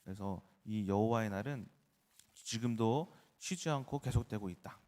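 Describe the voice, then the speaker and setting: A man's voice: fairly low pitch, normal speed, a little mellow, in a large hall. A man in his thirties, a pastor, preaching an early-morning sermon in a conversational way, with personal stories and questions to the congregation. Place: church sanctuary.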